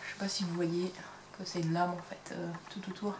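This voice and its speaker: A woman's voice: on the low side, level tone, brisk, a little mellow, slight background noise. Chatty woman in a roomy, distant recording. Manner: chatty, hesitant, many fillers. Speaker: crochet and knitting podcast host. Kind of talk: casual chat showing items to camera. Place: home craft workshop. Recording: roomy, distant mic, faint ambience.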